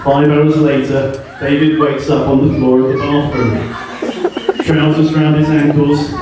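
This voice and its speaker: A man's voice: a little high, measured pace, background noise. Best man in an echoey hall. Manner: joking, deadpan delivery. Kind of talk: wedding speech. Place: wedding reception hall. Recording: echoey hall from far off, laughing crowd. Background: guests laughing.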